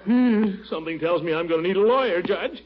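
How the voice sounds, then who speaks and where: An actor playing a flustered, blustering middle-aged bachelor in old radio comedy, stammering and exasperated. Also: male voice, high voice, a little fast. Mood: worried. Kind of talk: 1940s radio comedy acting. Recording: noisy, muffled old radio recording.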